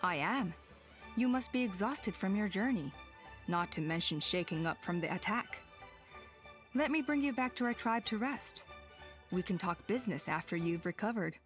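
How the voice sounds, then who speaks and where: Composed female game elder, acted by a woman, reassuring, mid-pitched, faint background music. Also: expressive, normal speed, close to an everyday voice. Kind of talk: scripted game character acting.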